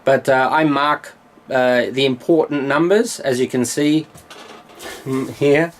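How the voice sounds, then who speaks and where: A man's voice: mid-range voice, slow. A man, a music producer, explaining his mixing steps in a studio tutorial, with frequent "uh"s as he works. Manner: explanatory, with frequent filler sounds.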